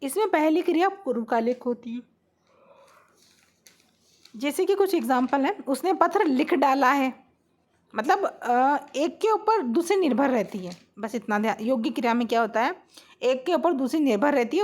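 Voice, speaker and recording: This Hindi grammar teacher has a high, animated voice and speaks at a moderate pace during her blackboard lesson. She lays out rules patiently, repeats her examples, and often checks whether her students understand.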